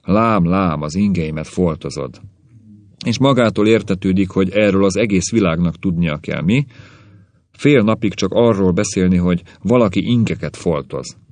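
A man's voice: deep voice, darkish tone, no room sound, close to an everyday voice. A man voicing a scornful, bitter middle-aged husband who lectures and sneers, in an audiobook reading. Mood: sneering.

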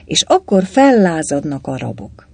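A man's voice: a little high, sing-song, gravelly, husky, no room sound, full character voice. A man doing a cheerful poet legionnaire. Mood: confiding. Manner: cheerful, chatty. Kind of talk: audiobook character voice.

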